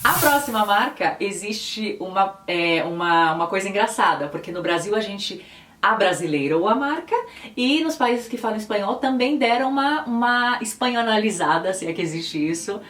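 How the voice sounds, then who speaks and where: A woman's voice: mid-range voice, moderate pace, fairly bright tone. A young woman with a São Paulo Brazilian accent, chatting casually as she explains pronunciations in a lesson. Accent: São Paulo Brazilian Portuguese. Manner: chatty, patiently spelling out pronunciations. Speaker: Spanish teacher and video host. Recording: roomy echo, mic a bit distant.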